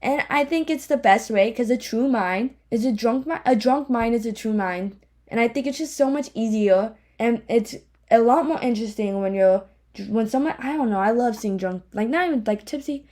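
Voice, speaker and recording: Speaking at a moderate pace in a warm, slightly high voice, a young podcast host rambles through a casual solo chat. She has a speech impediment, records from her home office, and is candid and self-deprecating.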